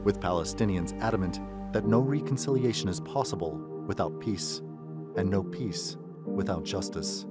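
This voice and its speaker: A man's voice: deep voice, moderate pace. A male reporter reading a scripted news report. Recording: loud music bed behind.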